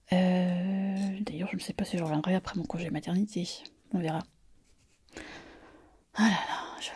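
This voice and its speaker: A woman's voice: medium pitch, creaky, a little mellow, breathy edge, heavily acted. A woman whispering in an ASMR roleplay, playing a chatty, self-satisfied pregnant surgeon close to the mic. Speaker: ASMR performer.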